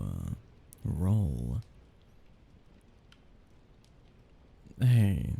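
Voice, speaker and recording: Here the same man plays the possessive, doting young mafia heir of an intimate ASMR romance, soft-spoken and halting, letting out breathy chuckles. This time his voice is low and heavily acted, and the feeling turns affectionate and shy.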